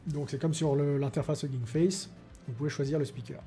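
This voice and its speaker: A man hosts a tech video in a casual demo style, explaining things with frequent pauses and lots of filler words. His voice is slightly high yet mellow with fairly even intonation, and faint music runs underneath.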